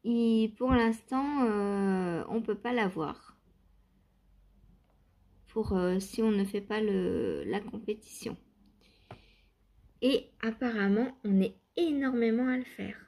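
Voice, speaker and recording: Brief: chatty knitting vlogger, woman, slightly high voice, relaxed and giggly. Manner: chatty, laughs often, many fillers. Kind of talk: casual knitting vlog chat. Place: outdoors or by open door, cool weather.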